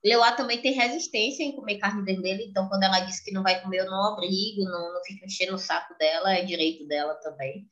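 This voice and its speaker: A woman hosting a casual chat, telling an animated, expressive story with frequent laughter. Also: medium pitch, quick pace, hardly any pauses, muffled recording. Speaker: podcast host.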